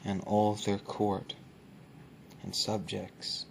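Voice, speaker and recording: A man hosting ASMR in a soft, unhurried way, often near a whisper, pausing as he describes things. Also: on the low side, monotone, vocal fry, slight background noise. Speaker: ASMR host. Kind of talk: soft ASMR book show-and-tell, often dropping to a whisper.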